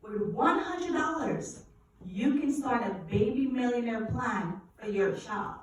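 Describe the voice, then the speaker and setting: A woman from Guyana, giving an energetic money seminar at a church and drawing responses from the audience. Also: a little high, measured pace, a little hiss or hum. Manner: energetic, asks the audience questions, preacherly. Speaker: finance educator speaking at a church event. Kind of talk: live seminar talk with audience call-and-response. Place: large echoey church hall. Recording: echoey hall from far off.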